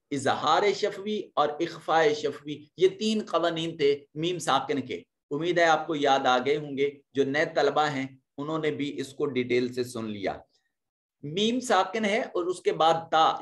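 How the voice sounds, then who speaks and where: A man with a fairly high voice gives a Quran recitation lesson. He works through each tajweed rule step by step, with a few fillers between points. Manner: slow drawn-out chanted recitation. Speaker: Quran teacher.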